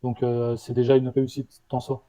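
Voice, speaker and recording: Mellow-voiced man with a slight stutter. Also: mid-range voice, monotone, poor audio. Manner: halting, with restarts and repeated words. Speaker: startup founder guest. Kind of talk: casual interview answers.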